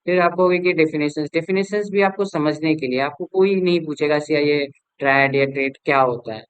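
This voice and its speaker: A man's voice: on the high side, a little fast, clear, resonant tone, no echo, rough recording. A young man teaching an online cybersecurity lecture, explaining informally with frequent fillers and restarts. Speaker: cybersecurity instructor.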